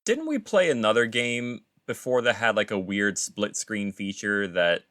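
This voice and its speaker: A man with a very deep voice and a bright, forceful tone chats in a laid-back way, dropping in plenty of "like" and "dude". He is a co-host on a casual gaming podcast. The sound is dry and close. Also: lively intonation, unhurried, no echo.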